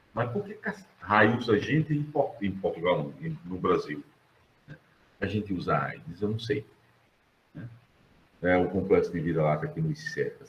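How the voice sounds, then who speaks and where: A man's voice: deep voice, a little hiss or hum. A middle-aged Brazilian man teaching a class, talking in a digressive, conversational way and putting questions to his students. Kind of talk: classroom lecture. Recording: roomy, dull classroom sound.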